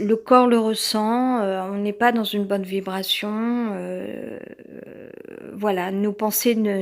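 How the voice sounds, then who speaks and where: A French-accented woman vlogger with a cold and a medium-pitched voice delivers a rambling personal monologue. She sounds tense and hesitant, full of fillers and restarts.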